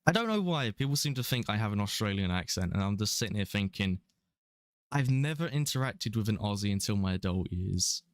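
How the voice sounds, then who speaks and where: This is a twenty-something Englishman with a London accent, chatting and laughing his way through casual live-stream commentary on a game. He has a lowish, expressive voice and talks a little fast. The recording is studio quality with no room sound.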